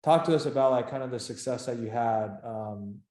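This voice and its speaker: Hosting a casual interview over video call, the founder of a career coaching program speaks briskly with a medium, somewhat dark voice in a reverberant space. He's easygoing and talkative, leaning heavily on filler words.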